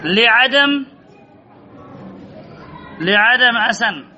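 A man's voice: very high-pitched, expressive, extremely slow, pushed and bright, a little hiss or hum. A man teaching Arabic grammar in a classroom, quizzing students and repeating key answers as drills, on a dull lo-fi recording. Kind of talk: classroom lesson with questions to students.

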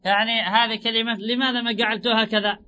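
A man teaching grammar in a classroom lecture, repeating his points, drawing out example words slowly and asking rhetorical questions. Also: high voice, little pitch movement, bright, forceful tone. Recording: dull lo-fi recording.

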